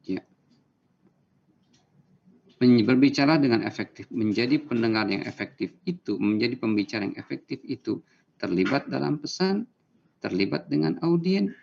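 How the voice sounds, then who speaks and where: A man's voice: medium pitch, vocal fry, a little mellow, dull audio, slight background noise. A male university lecturer giving a recorded online lecture, explaining points with everyday examples. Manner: explanatory, gives everyday examples, acts out short quotes.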